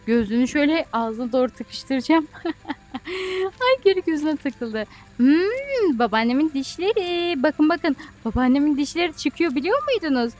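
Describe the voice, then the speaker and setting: A woman giving playful gameplay commentary as a YouTuber. She is excitable and breaks into squeals and shrieks of alarm. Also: high-pitched, normal speed. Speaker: gaming YouTuber.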